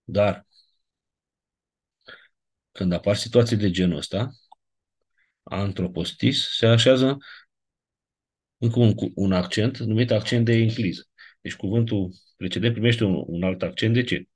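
Man, teacher, classroom lecture, husky, a bit low, patient step-by-step explaining. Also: pauses often, a little mellow. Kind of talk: classroom lecture on Greek grammar.

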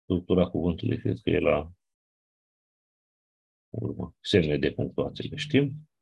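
A man's voice: a bass voice, vocal fry, slightly rough, muffled recording. A man teaching a class, reviewing grammar step by step and often checking in with his students. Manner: patient, checks in with "nu?" and "da?". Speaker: teacher of Ancient Greek.

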